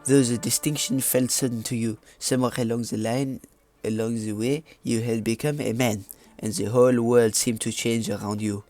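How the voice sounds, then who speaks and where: A hammy, overdone French accent put on by a man reads out a game's backstory with mock gravity. The voice sits at an ordinary pitch for a man and stumbles now and then over the wording. Soft game music plays underneath. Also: steady tone, moderate pace, hardly any pauses, lightly acted. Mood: reading. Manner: hammy, stumbling over words while reading aloud.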